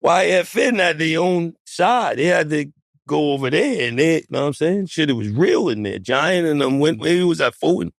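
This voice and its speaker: A man's voice: a little high, expressive, normal speed, vocal fry, dry recording, clean studio sound. A man co-hosting a podcast, jumping in with short remarks in casual chat. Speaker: podcast co-host.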